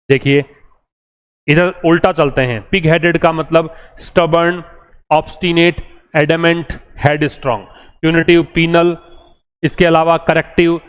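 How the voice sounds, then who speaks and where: A man with an Indian accent teaching an English vocabulary lesson, listing synonyms in drilled repetition and slowing down for English example sentences. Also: on the high side, clear, resonant tone.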